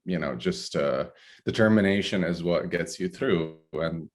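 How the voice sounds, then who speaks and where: A middle-aged man from Italy with an Italian accent, a podcast guest talking haltingly with many fillers and restarts. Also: low-pitched. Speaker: guest, climate researcher. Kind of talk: podcast interview.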